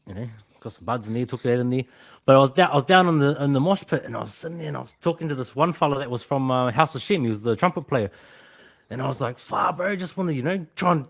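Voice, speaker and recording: A man with a broad New Zealand accent telling stories casually among friends in an animated, slangy way, peppering phrases with bro and eh. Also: mid-range voice.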